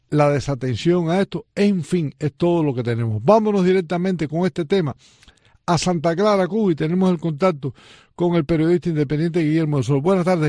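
A man hosts a radio news program, speaking in a measured, steady way with frequent hesitations. His voice sits a little high. The sound is dry and close, with no room echo. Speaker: news show host.

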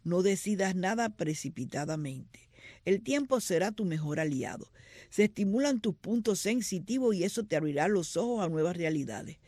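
A woman co-hosting a radio show, reading horoscopes and lottery numbers in a lively way and drawing the numbers out slowly. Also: on the low side, no echo, clean studio sound. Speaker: radio co-host.

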